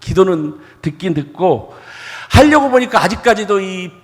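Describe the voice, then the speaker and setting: A man's voice: high voice, expressive, moderate pace. A male pastor preaching a Sunday sermon, acting out dialogue and putting rhetorical questions to his congregation. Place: church sanctuary. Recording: church hall reverb.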